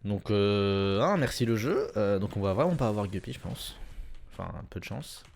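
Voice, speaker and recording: Young man, lowish pitch, casual let's-play commentary, chatty, self-correcting, excited bursts. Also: moderate pace, gravelly. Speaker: gameplay commentator.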